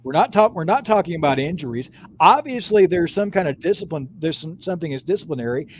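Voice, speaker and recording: A man hosting a casual sports podcast, ranting in an animated, profane way and repeating words as he builds up. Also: fairly high pitch, quick pace, slight background noise. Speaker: podcast host.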